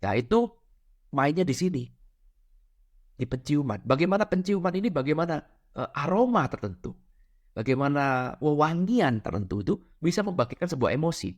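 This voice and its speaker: A middle-aged man giving a casual spiritual lecture, lively and constantly checking in with his listeners with tag questions. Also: fairly high pitch, moderate pace, pauses often. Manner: lively, peppers talk with "ya" and "benar ya?".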